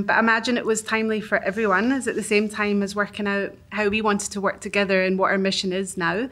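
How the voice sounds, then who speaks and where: Woman, Glaswegian accent, arts panel speaker reading from prepared text, measured delivery. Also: mid-range voice, fairly bright tone. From Glasgow, Scotland. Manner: deliberately paced for interpreters. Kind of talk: prepared statement read aloud.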